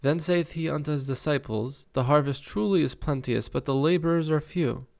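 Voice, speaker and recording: A man's voice: on the high side, moderate pace, gravelly, a little mellow. A young man reading Bible verses aloud and breaking off to comment casually on them. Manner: reads scripture aloud, stops to comment casually.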